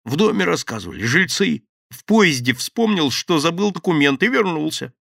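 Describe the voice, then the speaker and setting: A man voicing a terrified petty thief who babbles and begs in a high, gravelly voice. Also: sing-song, moderate pace, fairly bright tone, dry recording, clean studio sound, exaggerated voice. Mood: pleading. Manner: frantic, babbling, begging.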